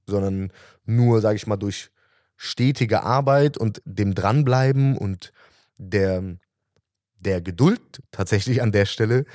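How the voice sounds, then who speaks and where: A man's voice: fairly low pitch, darkish tone, no echo, studio quality. A man in his thirties, a musician guest, talking earnestly and reflectively in a casual interview, often restarting his sentences.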